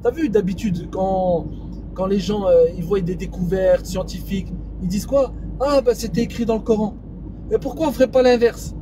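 A man chatting casually in French suburban street slang, peppered with Arabic religious interjections. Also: normal speed. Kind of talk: casual chat. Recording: noisy recording with vehicle rumble behind.

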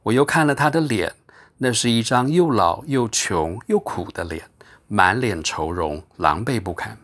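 Man narrating a story, lively pitch. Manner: measured storytelling. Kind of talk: scripted audiobook narration.

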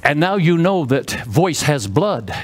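A male pastor delivering a sermon in a notably high voice. He preaches with fervor, repeats key words over and over, and calls the congregation to say them back. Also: big pitch swings, measured pace. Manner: fervent, repetitive, leads call-and-response.

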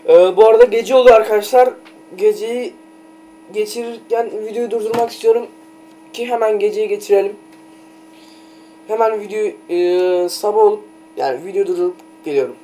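Young male let's-player, relaxed dark tone, rambling self-talk, slight background hum. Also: high voice, moderate pace, pauses often. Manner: chatty, talks to himself while playing, many "ee" fillers. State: keeps trying to sneeze. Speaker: gameplay commentator. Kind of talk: casual let's play commentary.

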